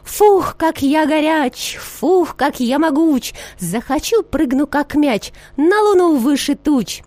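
A woman voicing a boastful, hot-headed male copper samovar who puffs and brags in a loud singsong. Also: high voice, animated, moderate pace, dry recording. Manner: loud, puffing, bragging singsong.

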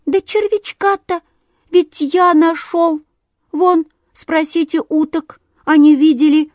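A woman's voice: very high-pitched, fairly even intonation, slow pace, a little mellow, no echo, highs cut off, pitched above the performer's own voice. A woman voicing a tiny, timid young male snipe bird in a storybook reading, with a thin, pleading voice.

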